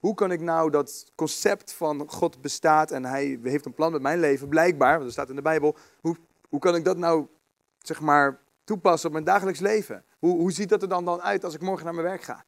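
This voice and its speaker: Man, preacher, informal sermon, gravelly voice, dry close sound. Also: a little high, fairly quick, dry recording. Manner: conversational, with frequent fillers and restarts.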